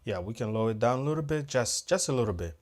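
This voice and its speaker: Here a fast-talking audio-visual tech with an expressive, mid-range voice gives a practical audio lesson. He talks informally to viewers, calling them "guys," and voices his thoughts as he works the equipment.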